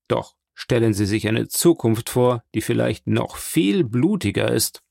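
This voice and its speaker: A man's voice: mid-range voice, lively intonation, measured pace, gravelly, a little mellow, no echo, studio quality. Man reading a grim, tormented prosecutor. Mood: somber. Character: grim, tormented male state prosecutor, older nobleman. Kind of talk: audiobook character reading.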